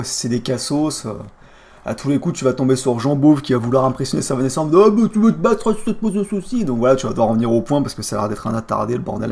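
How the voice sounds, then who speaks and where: Young male streamer, gravelly and quick, swearing through an angry casual rant. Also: medium pitch, a little mellow. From France. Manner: vulgar, heated storytelling with street slang.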